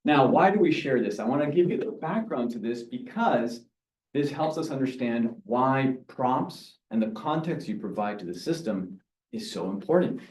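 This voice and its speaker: A man giving a lively talk to a meeting audience, explaining with examples and asking questions. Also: medium pitch, normal speed. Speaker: presenter. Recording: echoey room, mic from far off.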